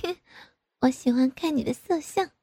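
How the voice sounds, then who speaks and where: A woman doing a coy, wheedling young mother, lifted high. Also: normal speed, mellow, dry recording, clean studio sound. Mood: playful. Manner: coy, wheedling, sing-song.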